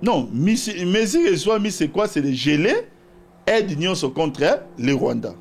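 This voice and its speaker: A Congolese man from Bas-Congo, DR Congo, speaks with a Congolese accent as a political guest in a debate, arguing his case and quoting scripture. His voice sits high and unhurried, animated and argumentative, with a slight hiss or hum.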